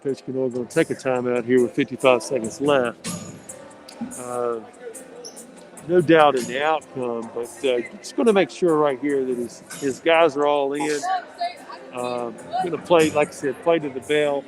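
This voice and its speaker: A man's voice: mid-range voice, normal speed, faint music behind. An American man doing conversational local basketball commentary, his voice slightly muffled through a face mask, with folksy, coach-like asides. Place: indoor school basketball gym. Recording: noisy gym, bouncing balls behind. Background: gym noise, ball bounces.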